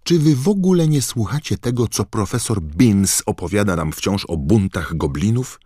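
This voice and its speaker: A man's voice: lowish voice, lively intonation, moderate pace, mellow, husky, dry recording, studio quality, pitched above the performer's own voice. A man voicing a clever, indignant teenage schoolgirl witch in an audiobook, lecturing and biting. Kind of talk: audiobook character voice.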